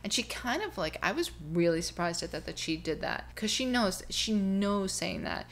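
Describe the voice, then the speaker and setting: A woman's voice: mid-range voice, huge pitch swings, normal speed, fairly bright tone, a little hiss or hum. A young woman co-hosting a podcast, chatting casually about a reality show, rambling with lots of fillers and restarts. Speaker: podcast co-host.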